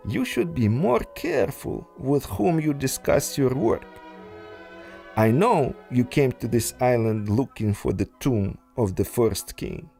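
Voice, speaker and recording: An expressive male actor portrays a suave Russian scientist villain, a treacherous exiled aristocrat, for a pulp adventure audio drama. He speaks smoothly and without hurry, full of silky menace, his pitch swooping theatrically over soft music.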